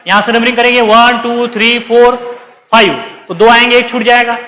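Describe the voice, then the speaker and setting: A man's voice: very high voice, flat delivery, moderate pace, bright, forceful tone, big-room sound, rough recording. A male chemistry teacher giving a live class lecture, coaxing his students and checking again and again whether they understood. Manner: calls students 'beta', coaxing.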